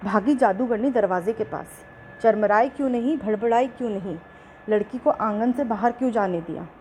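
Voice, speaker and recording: Female storyteller, slightly high pitch, expressive bedtime-story read, faint hiss under the voice. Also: moderate pace, low-quality recording.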